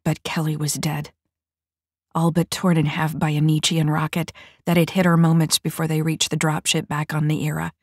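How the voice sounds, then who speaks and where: A woman reads an audiobook story in a steady storytelling manner. Her voice sits low. The recording is dry and close, with no room sound. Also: moderate pace, no room sound. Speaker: audiobook narrator. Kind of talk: scripted audiobook narration.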